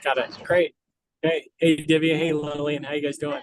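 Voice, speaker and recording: A man's voice: fairly high pitch, little pitch movement, moderate pace. A man calling in on a car speakerphone while driving, an apologetic and somewhat distracted professor speaking in short phrases. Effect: car speakerphone on a call while driving. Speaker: professor supervising a case discussion.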